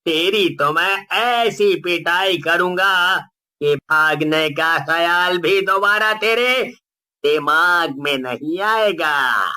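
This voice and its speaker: A man's voice: sits high, slow pace, sharp tone, smooth, heavily acted. A man voicing a menacing male ghost who steals children, gloating and threatening in a cartoon story. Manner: gloating, threatening, mocking laughter. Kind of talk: cartoon voice acting.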